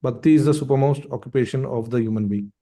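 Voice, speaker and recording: A man reading scripture commentary aloud for a class on a video call, in a steady, formal way. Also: mid-range voice, fast. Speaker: reader.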